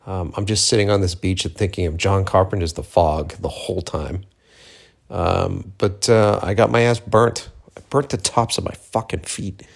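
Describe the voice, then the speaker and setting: A man from Cape Cod with a lowish, very creaky voice talks off the cuff about his days. He rambles casually and candidly, swearing freely and dropping in slangy asides. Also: moderate pace. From Cape Cod, Massachusetts, USA. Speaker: filmmaker hosting a personal audio journal.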